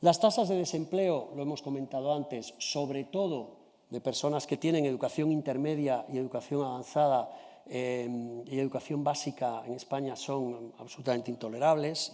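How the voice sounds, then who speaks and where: A Spanish-man delivers a formal conference talk in a mid-range voice. He courteously walks the audience through his findings, pausing to check they follow. The sound carries the long reverb of a large hall. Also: medium pitch, darkish tone. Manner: addresses the audience politely, checking in with a quick "¿sí?" or "¿vale?". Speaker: conference speaker presenting a comparative study.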